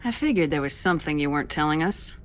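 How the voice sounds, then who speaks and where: A woman's voice: low-pitched, animated, fast, a little hiss or hum. An actress playing a confident, direct female military commander in a video game, cool and terse.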